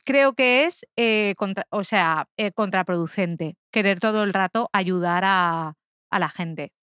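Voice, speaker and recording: A young woman, telling an animated story as a guest on a podcast and laughing often. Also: medium pitch, a little slow, clean tone, no echo, clean studio sound. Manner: animated, laughing, quotes people in voices, says "tía" a lot. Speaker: guest contributor. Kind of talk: casual podcast chat, storytelling.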